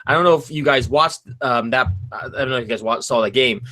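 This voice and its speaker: Hyped-up man with a bright voice. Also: medium pitch, fairly quick. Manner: excitable and loud. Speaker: co-host. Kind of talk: casual sports chat.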